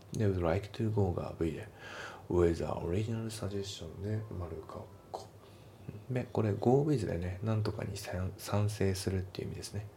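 A man's voice: deep voice, vocal fry, warm tone, slight background noise. A man teaching a test-prep English lesson, explaining the grammar step by step and repeating each pronunciation point twice.

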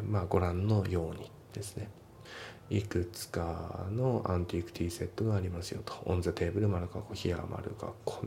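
A man's voice: sits low, creaky, warm tone, a little hiss or hum. A man teaching English, methodically parsing test sentences and coaching pronunciation. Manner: methodical, reads English lines slowly then explains in quick Japanese.

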